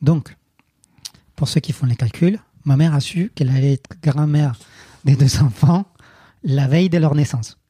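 Man in his 30s, guest storyteller, very dark husky tone, halting delivery. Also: on the high side, no echo. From Colombia. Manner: halting, many restarts and fillers. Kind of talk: personal storytelling interview.

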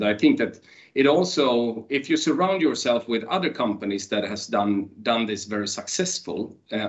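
A man speaking as an executive in an unscripted panel discussion, halting and repeating words. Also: on the low side. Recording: dull lo-fi sound.

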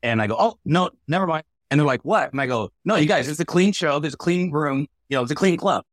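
A man's voice: fairly high pitch, expressive, fast, no echo, clean studio sound. A man who does comedy, telling a club story in casual chat and mimicking the crowd. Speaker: comedian guest.

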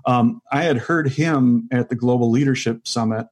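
A man in his forties, a comedian, telling his story in a casual interview, halting and full of fillers, laughing easily. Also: medium pitch, a little mellow. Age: 40s. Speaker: guest comedian.

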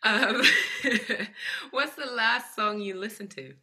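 A woman's voice: a little high, takes it slowly, sharp tone. A woman hosting a podcast interview in a friendly chat style. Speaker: podcast host.

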